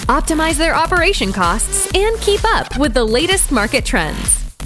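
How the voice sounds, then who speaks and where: Bright high-voiced female announcer over music. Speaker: show announcer. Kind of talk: scripted promo read. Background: music bed.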